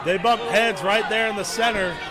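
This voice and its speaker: High-pitched male wrestling commentator over crowd noise. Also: normal speed. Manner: exclamatory, emphatic calls. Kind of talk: live professional wrestling play-by-play commentary. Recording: noisy event hall with loud crowd.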